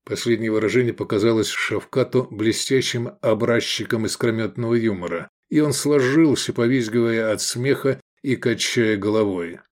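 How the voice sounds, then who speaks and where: Male audiobook narrator, measured. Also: on the low side. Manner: steady, measured reading. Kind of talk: scripted narration.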